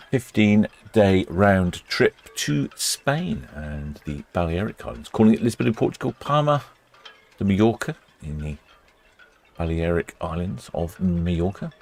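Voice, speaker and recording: A man with a deep voice hosts a casual livestream. He gives chatty commentary on passing ships and muses aloud. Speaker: livestream host. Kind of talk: casual live ship-spotting commentary.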